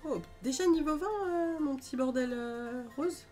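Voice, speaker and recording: A woman's voice: sits high, unhurried, dark tone. Chatty woman narrating her gameplay. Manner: chatty, thinking aloud with fillers and small exclamations. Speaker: gaming video host. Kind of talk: casual let's-play commentary. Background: game music.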